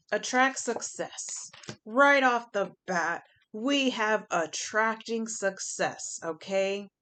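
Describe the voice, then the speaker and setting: Slow-talking woman reading tarot. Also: medium pitch, sharp tone. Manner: chatty, emphatic, repeats phrases. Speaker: tarot reader. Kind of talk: pick-a-pile tarot reading.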